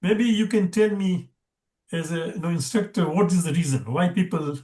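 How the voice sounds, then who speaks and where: A man's voice: high voice, normal speed, warm tone, echoey room. A man teaching an Arabic grammar class, explaining patiently with frequent restarts.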